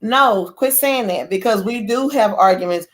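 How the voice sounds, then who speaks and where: A woman in a casual chat as a guest, outspoken and animated, often restarting her sentences. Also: medium pitch, moderate pace.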